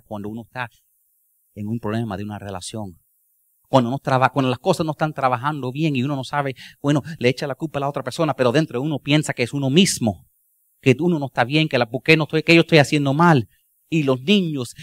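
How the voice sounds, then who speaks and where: A man's voice: fairly high pitch, fairly bright tone, dry recording, studio quality. A male pastor preaching a sermon in a folksy, joking storytelling manner, asking rhetorical questions and slipping English words into his Spanish.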